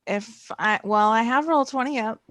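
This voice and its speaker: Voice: medium pitch, normal speed, a bit bright, dry recording. A player in a casual tabletop game who has a cold, making offhand asides.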